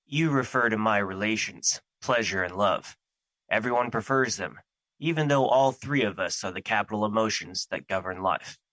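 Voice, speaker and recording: A man's voice: lowish voice, moderate pace, a bit bright, dry recording, lightly acted, rough recording. A man playing Fear as an ancient, solemn and anxious being, speaking formally and theatrically in an audio drama. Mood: grandiose.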